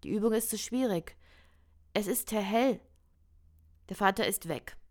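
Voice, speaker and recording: A woman reciting experimental prose poetry in a slow, measured, deliberate way. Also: mid-range voice.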